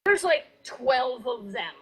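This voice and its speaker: A woman narrating a tabletop game as game master, casually and haltingly, repeating phrases as she goes. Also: sits high, sing-song, breathy edge.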